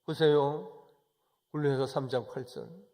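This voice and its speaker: A male pastor giving a Sunday sermon, moving from calm, chatty explanation to forceful, raised exhortation. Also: mid-range voice, measured pace.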